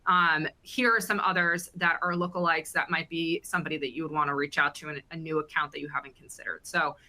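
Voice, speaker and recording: A woman hosting a webinar Q&A over a video call, upbeat and filling pauses with ums. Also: sits low, steady tone, sharp tone. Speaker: webinar host.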